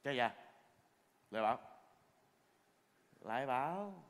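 A man's voice: mid-range voice, animated, unhurried, a bit bright, in a large hall. A male comedian playing a cheeky, reckless motorbike-taxi driver who argues about his fare in a stage sketch. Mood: arguing. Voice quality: brash, argumentative.

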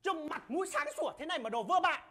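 A woman playing a cheeky young male clown servant in a Vietnamese folk-opera comedy, teasing with quick retorts and frequent laughter. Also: very high-pitched, big pitch swings, bright, forceful tone, full character voice.

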